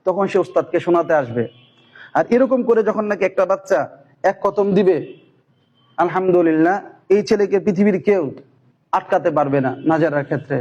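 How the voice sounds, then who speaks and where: A man, a madrasa teacher giving a methodical, steady lesson on reading the Quran. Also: high voice, muffled recording. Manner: chants Arabic syllables slowly and loudly when demonstrating. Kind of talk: instructional talk on Quran reading.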